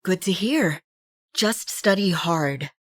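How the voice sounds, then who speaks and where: A woman voicing a young woman, an earnest, caring older sister who speaks in a measured way. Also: on the low side, expressive, no room sound, studio quality.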